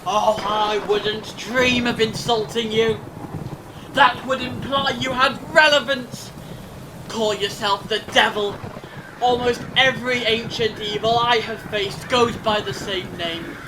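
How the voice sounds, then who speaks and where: Man as very high-pitched, sardonic Doctor. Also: fairly even intonation, takes it slowly. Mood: mocking, defiant. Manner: sardonic, taunting, theatrical. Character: defiant, mocking male time-travelling alien hero. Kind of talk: fan audio drama acting. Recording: noisy rumbling ambience.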